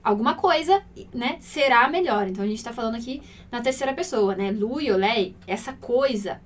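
A woman with a Brazilian Portuguese accent teaching Italian grammar, patient, checking in often and slowing down to spell out examples. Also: fairly high pitch, expressive, distant mic. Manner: slows down to spell out example phrases.

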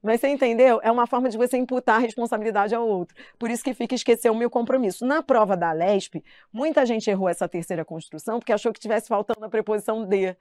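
A middle-aged woman with a Brazilian Portuguese accent teaching a live online grammar lesson, chatty and lively, playfully mimicking her students. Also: fairly high pitch, fast talker, few pauses, dry recording, clean studio sound.

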